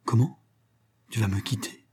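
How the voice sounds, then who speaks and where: A man voicing a domineering, proud billionaire father in middle age, speaking in forceful outbursts he tries to hold back. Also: normal speed, slight background noise, close to an everyday voice. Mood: blustering.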